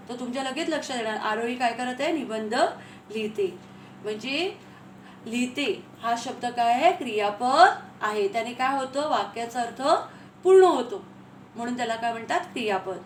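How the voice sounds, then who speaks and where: High-voiced woman teaching grammar. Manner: repeats key phrases slowly, asks questions to the class. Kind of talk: classroom grammar lesson. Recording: echoey room, faint ambient noise.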